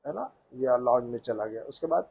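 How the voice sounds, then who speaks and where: A man's voice: medium pitch, expressive, creaky, darkish tone, slightly rough. Patient man teaching Arabic reading. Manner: patient, slow drilling of pronunciation and grammar. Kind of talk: language lesson.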